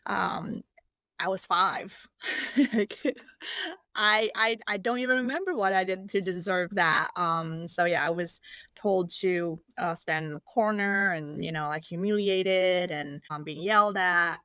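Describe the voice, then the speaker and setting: A woman's voice: lowish voice, a little slow, pushed and bright, clear, resonant tone, dry recording. A woman from Indonesia, a podcast guest, speaking casually with many fillers and restarts. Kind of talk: casual interview.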